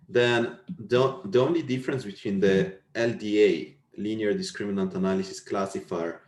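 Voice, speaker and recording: The man's pitch is fairly low and a little mellow as he delivers a technical lecture online. He's a university lecturer, indoors, on a video call with an echo, explaining things and testing comprehension through questions.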